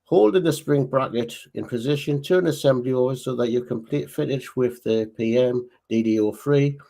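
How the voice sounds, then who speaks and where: A man with a Northern English accent co-hosting a model-building livestream, reading assembly steps slowly and pausing to check the parts. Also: medium pitch, creaky, dark tone. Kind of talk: casual livestream build chat.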